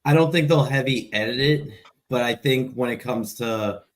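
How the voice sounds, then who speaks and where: A man's voice: medium pitch, normal speed. A man with an Illinois accent, rambling through casual late-night podcast chat as a co-host, often restarting his sentences. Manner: rambling, repeats words when starting.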